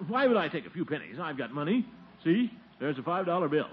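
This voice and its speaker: An actor playing a pompous, easily flustered middle-aged uncle and town official, blustering and chuckling in 1940s radio comedy style. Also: male voice, a little high, sing-song, fast. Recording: dull, hissy old radio recording.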